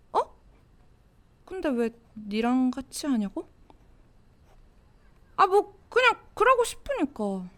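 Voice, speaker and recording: A woman voicing a cocky, teasing teenage girl classmate in a Gyeongsang dialect, in a whispered role-play with a soft, close-mic delivery. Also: sits high, exaggerated voice. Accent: Gyeongsang Korean dialect. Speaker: voice actor.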